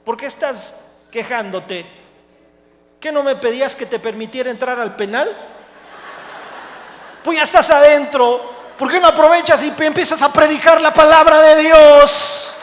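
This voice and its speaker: A preacher voicing God, stern and chiding. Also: male voice, very high voice, normal speed, pauses often, voice pushed up. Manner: chiding, rising to a loud call. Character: God, a stern, teasing divine voice. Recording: echoey church hall, faint noise.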